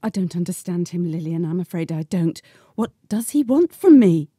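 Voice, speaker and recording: A fragile, wary old spinster. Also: female voice, fairly low pitch, level tone, a little fast, mellow, husky, dry recording, studio quality. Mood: bewildered. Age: 50s. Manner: plaintive, wary, easily wounded. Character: fragile, confused older spinster, touchy and withdrawn. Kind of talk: 1940s-set radio drama acting.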